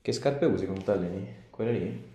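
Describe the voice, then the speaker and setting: In a small clinic treatment room, a male chiropractor talks a patient through a treatment with short, repeated hands-on instructions. His voice is fairly low and warm, a little fast, and the indoor recording echoes with clear background noise.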